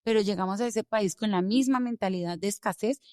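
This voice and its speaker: A woman from Colombia, an immigration lawyer, speaking as a guest in a podcast interview, telling her story with animated emphasis. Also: medium pitch, a little fast, no room sound, clean studio sound.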